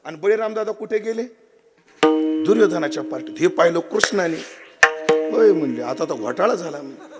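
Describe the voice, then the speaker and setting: A man's voice: a little high, animated, a little fast, long pauses, over loud music. A man with a Marathi accent preaching a devotional kirtan, telling a story with voiced characters and quizzing his audience.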